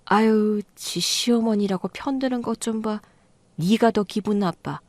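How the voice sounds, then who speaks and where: A woman's voice: mid-range voice, unhurried, a little mellow, dry recording, natural voice. A woman voicing a huffy, scolding mother. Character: grumbling middle-aged mother, offended and sharp-tongued. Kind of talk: storytelling radio reading.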